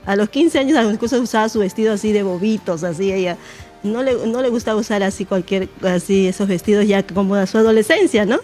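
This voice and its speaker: A woman's voice: medium pitch, fast, darkish tone, faint music behind. A woman who is a guest on an interview show, hesitantly recalling family memories. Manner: hesitant, with fillers and restarts.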